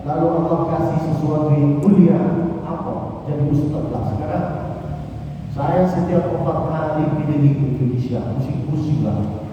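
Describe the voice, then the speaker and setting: Young guy preaching from saudi-raised background, fires questions at the crowd, booming hall, far off mic. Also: normal speed, mellow, slight background noise. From Saudi Arabia. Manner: rhetorical questions to the audience, chanting Arabic verses. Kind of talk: religious lecture to parents. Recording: echoey hall, far from the mic, dull sound.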